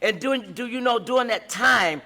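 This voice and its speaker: This is a preaching-style advice talk on relationships, hosted by a middle-aged woman with a fairly high, bright, forceful voice at normal speed. Her delivery is emphatic and repetitive, like a sermon.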